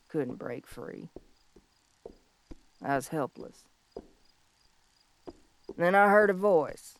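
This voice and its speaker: A woman playing a young, tough but tender tomboy bounty hunter of the Old West in an audio role-play, speaking in a folksy, halting, heartfelt way. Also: on the low side, smooth, dry recording. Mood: pained recollection. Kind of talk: scripted audio role-play monologue, intimate and slow.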